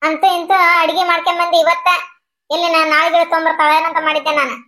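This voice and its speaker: A woman voicing a sharp-tongued, stingy old mother-in-law in a cartoon, nagging and scolding in a North Karnataka Kannada accent. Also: very high-pitched, flat delivery, fast. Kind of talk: cartoon voice acting.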